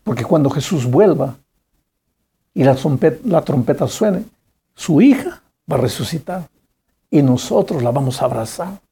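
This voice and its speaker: A man voicing a young church girl who gently comforts a grieving man. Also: on the high side, lively intonation, a little slow, creaky, husky, full character voice. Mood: consoling.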